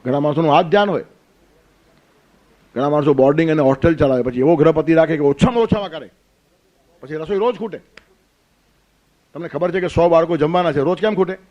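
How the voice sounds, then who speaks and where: Male spiritual teacher, lecturing firmly and scolding, with a slightly high pitch. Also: quick pace, pauses often, highs cut off. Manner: forceful, scolding, rhetorical questions. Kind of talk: Gita discourse.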